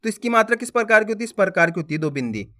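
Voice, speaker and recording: A man teaching Hindi letters, saying each syllable slowly and loudly and often asking the viewer whether they have understood. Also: high voice, big pitch swings. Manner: slow, drawn-out syllable drills with questions to the viewer. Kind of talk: lesson on reading Hindi letters.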